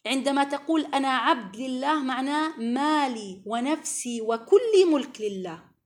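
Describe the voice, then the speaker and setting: A woman's voice: high-pitched, lively intonation, normal speed. A woman giving an earnest religious lesson to women, pleading and coaxing, rising to strong emphasis. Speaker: preacher addressing women.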